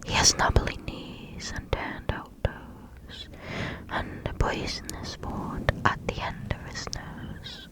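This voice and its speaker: A woman's voice: extremely high pitch, completely flat delivery, takes it slowly, voice pushed up. A woman whispering the lines of a small, clever brown mouse in a storybook. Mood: polite, sly. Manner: soft whisper.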